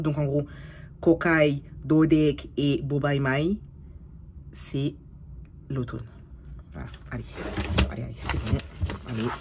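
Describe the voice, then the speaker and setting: A woman's voice: deep voice, a little mellow, a little hiss or hum. A young woman vlogging in a casual, chatty way, tired, swearing often and dropping English phrases into her talk. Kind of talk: casual vlog chat.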